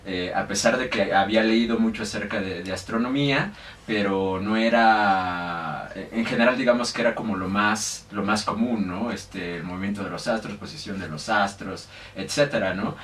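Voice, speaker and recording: This guest, a young Mexican man with a Mexican accent, talks at normal speed in a slightly bright voice on the low side. It's a casual interview full of hesitation, fillers and restarts, recorded with a distant mic in an echoey room with faint noise.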